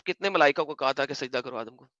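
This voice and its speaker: Sharp, bright-voiced mocking debater man. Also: a little high, no echo, dull audio. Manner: mocking, insistent, repeats his questions. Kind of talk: heated online debate.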